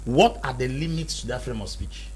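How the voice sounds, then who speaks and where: A Cameroonian man argues emphatically as a panel guest in a heated debate, lecturing and repeating his points to drive them home. His voice is medium-pitched and a little fast, with background noise in the recording.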